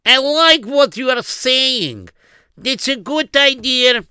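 A man puts on a smug, greedy prince who talks slowly and gloats, in a high, bright voice. The voice is clear and dry. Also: expressive, no room sound, exaggerated voice. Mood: gloating. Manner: gloating and slow. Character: scheming, greedy, pleased young male prince.

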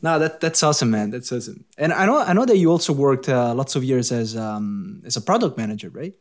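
A man's voice: mid-range voice, animated, brisk. A man with an Italian accent hosting a casual interview, enthusiastic and hesitant, with many fillers and restarts. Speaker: podcast host.

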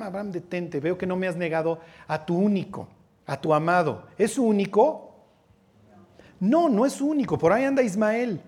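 A Mexican-accented man with a notably high voice gives a Bible teaching sermon. He talks casually, keeps asking whether his listeners are following, and mixes in everyday slang. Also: a little mellow. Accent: Mexican Spanish. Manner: conversational, checks in with listeners, slangy asides. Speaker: preacher.

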